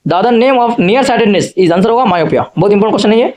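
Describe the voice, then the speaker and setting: A man with a notably high voice runs through exam revision questions. He reads each question out slowly, then fires off the answer fast. He switches freely between Hindi and English as he goes. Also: animated, a little mellow. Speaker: teacher.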